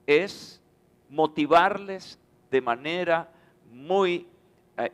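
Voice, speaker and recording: A male pastor giving a Sunday sermon, calling on the congregation to respond. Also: a little high. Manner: slow, deliberate preaching with call-and-response to the congregation. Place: church sanctuary.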